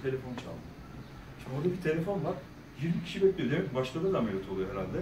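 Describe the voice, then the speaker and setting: A middle-aged man speaking as a guest at a school career day, telling stories in a lively way and acting out the people he quotes. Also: medium pitch, very fast, noisy background. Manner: animated, acts out quoted voices, jokes with the audience. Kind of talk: lively storytelling talk to students. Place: large echoey school hall. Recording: echoey hall, speaker far from mic.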